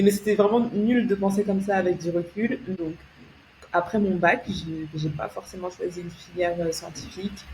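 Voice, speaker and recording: A young French woman, a tech founder and consultant, shares her story as an interview guest in a lowish voice. She's hesitant, full of fillers and restarts, and laughs easily, while the poor audio carries some hiss or hum.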